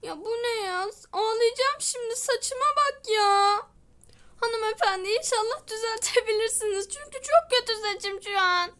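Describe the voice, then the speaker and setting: A woman voicing a fussy, complaining adult salon customer in a toy role-play, with a loud, dramatic manner. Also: extremely high pitch, moderate pace, pitched above the performer's own voice. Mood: whiny.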